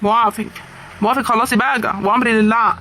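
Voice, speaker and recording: An actor voices a young husband from the Egyptian countryside, eager and pleading with his wife. He talks very fast in an Egyptian rural accent. A faint hiss runs under the track. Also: mid-range voice, steady tone, sharp tone, lightly acted. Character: young excited village husband.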